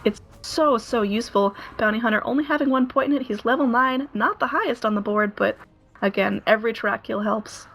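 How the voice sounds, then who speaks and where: On the high side and a bit bright, a woman's hoarse voice delivers brisk live commentary on an esports match. She narrates nonstop, often filling gaps with "uh."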